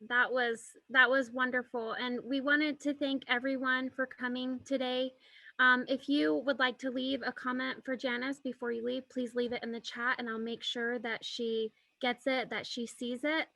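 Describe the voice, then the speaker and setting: A woman's voice: sits high, level tone, normal speed, creaky, bright, forceful tone, no room sound. A woman moderator making polite closing announcements over a video call.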